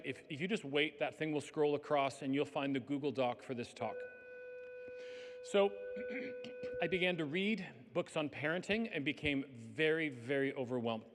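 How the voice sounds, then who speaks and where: A man's voice: a little high, slight background noise. A man giving an earnest, conversational faith-based talk to educators, his voice a little worn from days of speaking. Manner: conversational, earnest, numbered points. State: tired, slightly worn voice. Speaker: conference speaker. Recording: long hall reverb.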